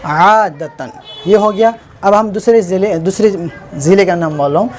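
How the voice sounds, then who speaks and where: A man teaching Urdu script online, spelling out each word slowly letter by letter and checking in often with the viewer. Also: high voice. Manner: slow spelling out letter by letter, repeating words; informal, self-correcting, many "theek hai na" check-ins. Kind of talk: online writing lesson.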